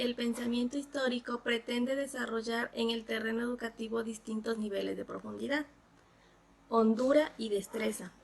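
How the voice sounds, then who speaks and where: Slightly high-voiced woman presenting formally. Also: rough recording. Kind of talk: scripted academic presentation.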